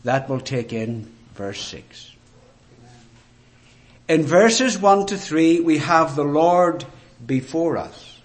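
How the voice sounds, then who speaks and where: A man with a Northern Irish Ulster accent preaching a sermon in a deliberate, rhetorical way with emphatic phrases. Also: a little high, expressive. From rural Ireland, Ulster.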